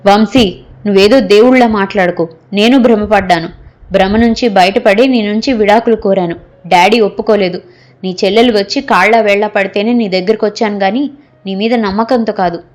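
A woman's voice: medium pitch, moderate pace, a little mellow, natural voice. A woman voicing a proud young wife who answers her husband with cutting, defiant retorts.

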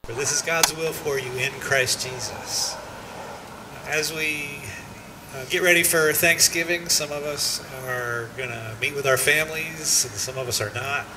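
A man in church urging listeners to give thanks, speaking slowly and earnestly with some hesitation. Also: a little high, recorded from a distance, noisy background. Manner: slow and earnest, with filler uhs. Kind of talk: church exhortation. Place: church sanctuary. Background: worship music.

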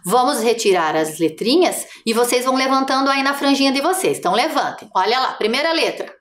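A woman with a Brazilian Portuguese accent teaching a televised first-grade lesson. Her fairly high voice rises and falls in a lively sing-song as she patiently guides small children, speaking slowly. The room sounds echoey. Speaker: primary school teacher.

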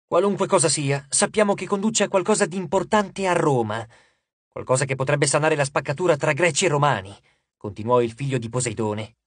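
A man's voice: on the high side, fairly quick, breathy edge, no room sound. A man narrating an audiobook, reading expressively and shifting his voice for each character.

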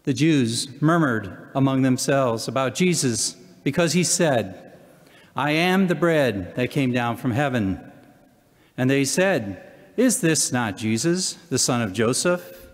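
An older man, a deacon speaking from the lectern in a measured, solemn way as he reads and preaches. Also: medium pitch, lively intonation. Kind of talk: scripture reading and homily. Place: large church, at the lectern. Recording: long church hall reverb.

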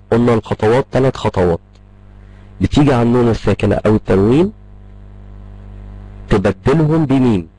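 A man's voice: medium pitch, gravelly, dark tone, slightly rough, no echo, poor audio. A man with an Egyptian Arabic accent giving an online tajweed lesson, repeating each point and checking understanding as he goes. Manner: rapid, repetitive explaining, checks in with "tamam?". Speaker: Quran recitation teacher.

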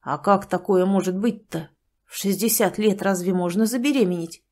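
A woman's voice: mid-range voice, normal speed, darkish tone, close to an everyday voice. A woman reader voicing a crude, grumbling older village man who talks bluntly and coarsely. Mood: gruff.

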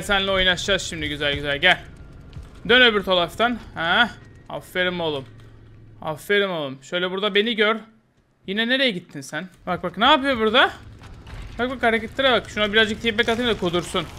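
A young man giving excited, taunting gameplay commentary as a gaming YouTuber, laughing often and talking close to a desk mic. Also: sits high.

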